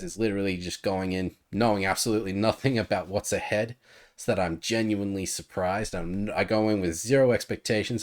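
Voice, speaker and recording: A young man with a lowish voice chats loosely to his viewers, rambling through fillers and restarts. His voice is a little congested from a cold. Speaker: YouTube reaction host. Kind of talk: casual vlog chat.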